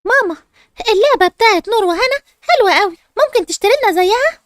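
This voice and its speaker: A woman with an Egyptian accent voicing an eager young girl who pleads and chatters quickly, in a dry recording. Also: extremely high pitch, animated, no echo. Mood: pleading. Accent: Egyptian Arabic.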